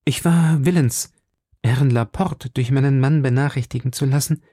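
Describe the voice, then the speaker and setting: A man's voice: medium pitch, moderate pace, dark tone, breathy edge, dry recording, clean studio sound, close to an everyday voice. A man voicing a frightened young woman in hiding, pleading urgently with her rescuer in a raised voice. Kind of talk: audiobook character voice.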